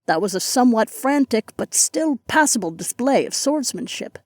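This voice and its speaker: A woman voicing a stern, powerful female sect elder who speaks briskly and with command in an audiobook. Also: fairly high pitch, expressive, no room sound, studio quality, pitched above the performer's own voice. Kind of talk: audiobook character voice.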